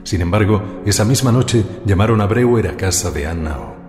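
A man playing a composed, inquisitive neurologist who speaks and narrates deliberately in a period audio drama. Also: lowish voice, expressive, music in the background. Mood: narrating. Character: middle-aged neurologist, composed, inquisitive, analytical husband.

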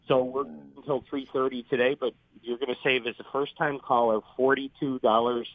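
An American man phoning in to a radio show as a business guest, making a conversational sales pitch. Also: little pitch movement, normal speed, dry recording. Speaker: business guest promoting services. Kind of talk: conversational phone-in sales talk. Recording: dull, band-limited live phone line.

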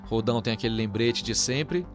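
A man hosting a news podcast, explaining in a measured way with frequent "é" fillers. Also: medium pitch, music in the background. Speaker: podcast host.

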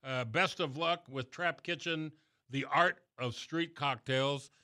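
Bright-voiced male radio host, loose and halting. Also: on the high side, dry recording, clean studio sound. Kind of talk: casual live radio interview.

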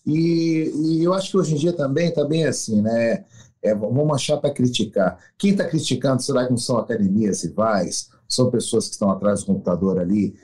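A man's voice: mid-range voice, brisk, mellow. A middle-aged man, a veteran fight coach speaking bluntly and emphatically in a casual interview. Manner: emphatic, blunt, acts out quotes.

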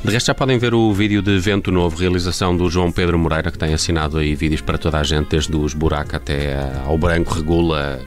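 A man with a European Portuguese accent hosting a conversational radio interview, haltingly repeating words. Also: deep voice, fairly even intonation. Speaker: radio host. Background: background music.

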